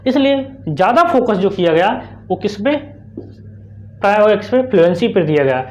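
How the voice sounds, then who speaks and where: A young woman with an Indian accent leads an online exam-prep lesson in a mid-range voice. She keeps asking the class short questions and answers them herself. The key terms come back again and again with steady stress. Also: medium pitch, normal speed. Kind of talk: explanatory online lecture.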